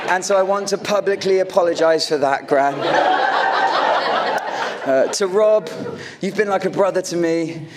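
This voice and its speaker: A man's voice: high voice, moderate pace, pauses often, a loud crowd, very noisy. A man in his late thirties, a groom giving an affectionate, joking wedding toast to his guests. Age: late 30s. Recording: live event with audience laughter. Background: wedding guests laughing and reacting.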